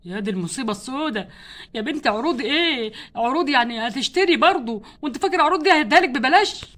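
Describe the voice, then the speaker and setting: A woman's voice: high voice, expressive, racing, a bit bright. A woman voicing a stingy, complaining husband doll in a doll play story, with an Egyptian Arabic accent. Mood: grumbling. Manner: complaining, exasperated about money. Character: stingy grumbling husband doll, adult man.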